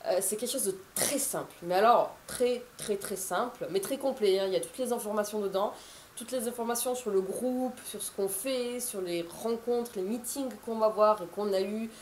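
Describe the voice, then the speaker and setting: A French woman in her thirties, an author, talks to camera in a loose, rambling manner full of fillers and restarts. Her mid-range voice is slightly mellow, heard in a reverberant space with a bit of hiss or hum.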